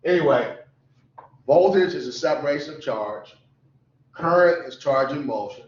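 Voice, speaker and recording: A tired, sleepy man teaching a lecture class, repeating definitions slowly so students can write them down. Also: fairly high pitch, lively intonation. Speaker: college instructor. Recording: echoey classroom, dull lo-fi sound.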